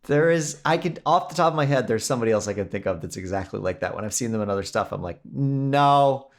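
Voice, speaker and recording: A man's voice: fairly low pitch, very fast. A man co-hosting a podcast in casual chat, enthusiastic and rambling, laughing often. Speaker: podcast co-host.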